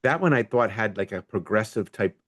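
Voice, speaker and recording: A man hosting a music interview, asking relaxed questions and giving brief affirmations. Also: lowish voice, brisk, no room sound, studio quality. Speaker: interview host.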